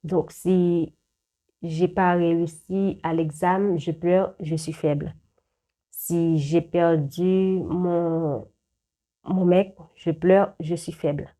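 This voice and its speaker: A woman's voice: on the low side, steady tone, slow pace, mellow. A young adult woman giving earnest, lecturing advice straight to her viewers, often repeating words and restarting. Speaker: video creator giving life advice. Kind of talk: direct-to-camera advice talk.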